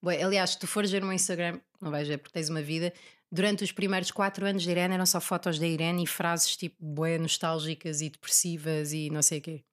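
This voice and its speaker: A young woman speaks at a middle pitch in a casual, candid interview. Her way of talking is blunt and full of slang, and she readily puts herself down. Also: little pitch movement, quick pace. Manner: blunt, slangy, self-deprecating. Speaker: podcast guest, stand-up comedian.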